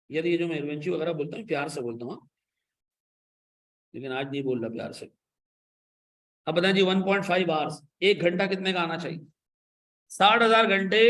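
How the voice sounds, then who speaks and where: A man giving an accounting lecture, animated and coaxing, pressing his students with repeated questions and playful scolding. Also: high voice, reverberant. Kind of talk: classroom lecture.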